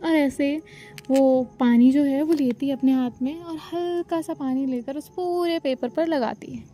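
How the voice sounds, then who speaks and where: A woman narrating a romance story in a plain, steady way. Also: high-pitched, measured pace, soft background music.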